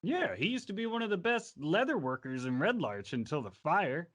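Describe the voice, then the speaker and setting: A man's voice: fairly high pitch, very animated, moderate pace, fairly bright tone, pitched above the performer's own voice. A man playing a cheerful rambling innkeeper. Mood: fond. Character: boozy retired male innkeeper, cheerful and rambling. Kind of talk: tabletop role-play.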